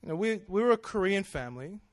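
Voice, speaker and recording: Here a high-pitched, expressive Australian man in his 30s preaches fast, telling personal stories in a chatty, self-deprecating manner that keeps breaking into laughs. The sermon is recorded at studio quality with no echo.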